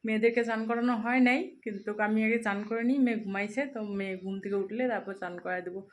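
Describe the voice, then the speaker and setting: A woman's voice: a little high, steady tone, racing. A young woman vlogging casually on her phone at home, chatting to viewers as she does housework. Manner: chatty, talks directly to viewers while doing housework. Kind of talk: casual daily-life vlog. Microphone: mobile phone.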